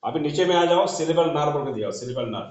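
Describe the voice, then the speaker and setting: A man explaining shorthand in a classroom, spelling out letters as he writes and often trailing off softly. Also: a little high, expressive, brisk. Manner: talks while writing on a board, spells letters aloud, trails off softly. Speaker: shorthand teacher. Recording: echoey dull room recording.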